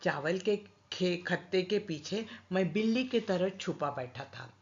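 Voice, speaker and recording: A woman calmly reading a story aloud as narrator. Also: lowish voice, a little slow. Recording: dull lo-fi recording.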